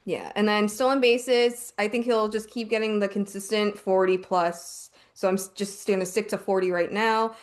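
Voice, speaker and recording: A woman's voice: medium pitch, steady tone. Woman reading sports stats, self-correcting. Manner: reads numbers haltingly, self-corrects, laughs often. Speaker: podcast host reading stats. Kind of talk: casual podcast chat.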